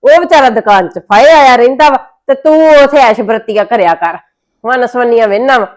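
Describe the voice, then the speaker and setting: Scolding Punjabi woman, slightly high voice. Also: a little fast. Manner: scolding, exasperated, complaining. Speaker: elder sister in a family drama. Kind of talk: Punjabi web-series acting.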